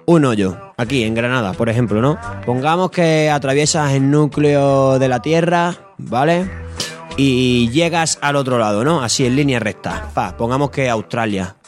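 A man, co-hosting a podcast and telling jokes in playful banter, doing voices for his characters. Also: medium pitch. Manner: playful joke-telling with lively put-on voices. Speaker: podcast co-host. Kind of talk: joking banter.

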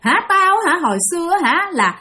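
Woman putting on a shrill taunting female demon. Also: sing-song, moderate pace, noisy background. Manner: taunting, menacing, repetitive jeering. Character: vengeful female demon, killed by a bomb, taunting.

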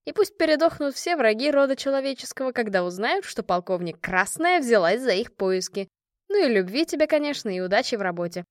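A woman's voice: a little high, big pitch swings, brisk, dry recording, clean studio sound. A woman reading the part of a squad commander in an audiobook, giving an affectionate, joking toast to her friend. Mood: fond toast. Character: commander of a women's squad, warm and teasing.

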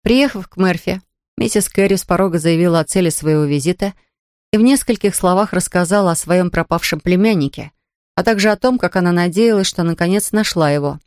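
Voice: medium pitch, brisk, no room sound. Audiobook reader, dry close sound. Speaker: audiobook narrator. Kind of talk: scripted narration of a children's novel.

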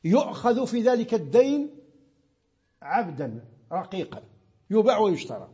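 Husky high-voiced Moroccan sheikh teaching. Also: male voice, big pitch swings, normal speed, dark tone. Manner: explanatory, repeats words while searching for them. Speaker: sheikh teaching Islamic law. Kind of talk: religious lesson.

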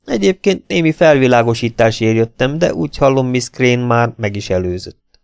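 A man voicing a calm middle-aged private detective in an audiobook, speaking in a cool, measured way. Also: medium pitch, creaky, clean tone, dry recording, studio quality. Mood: cold.

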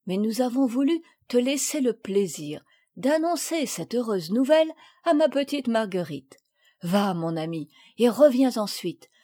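A woman reading the part of a gentle older father, speaking calmly and kindly. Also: on the high side, unhurried. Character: gentle older male father, naval officer.

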